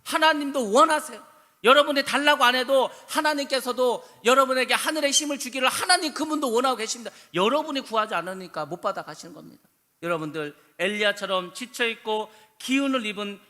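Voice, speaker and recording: A male pastor delivers a fervent sermon in a high, ringing voice. His tone is bright and cutting, and each phrase trails off into the long reverb of the church hall. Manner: earnest, pleading, rising to fervent exhortation. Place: church sanctuary.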